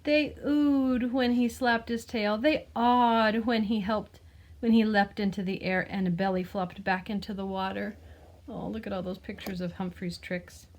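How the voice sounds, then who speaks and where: At a measured pace, a woman with a medium-pitched, steady voice reads a children's picture book aloud expressively, teacher-style. She offers explanatory asides about words and asks the listener gentle questions.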